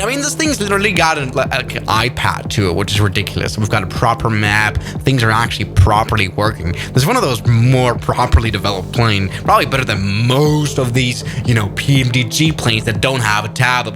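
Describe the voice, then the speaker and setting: Animated man commentating over prominent music. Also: mid-range voice. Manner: animated, sarcastic, exclaims and mutters while playing. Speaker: host of a flight simulator gaming channel. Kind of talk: excited gameplay commentary.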